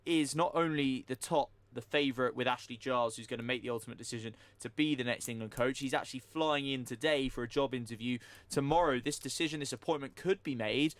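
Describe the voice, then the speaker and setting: A man's voice: medium pitch, no room sound. A male radio presenter running down sports news and giving his view in a studio discussion. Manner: fast, fluent news rundown with opinions.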